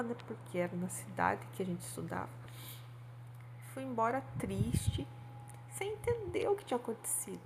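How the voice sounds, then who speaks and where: Gravelly-voiced woman telling a personal story. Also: mid-range voice, a little hiss or hum. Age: adult. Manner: heartfelt, rambling, frequent tag questions. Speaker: storyteller on her own channel.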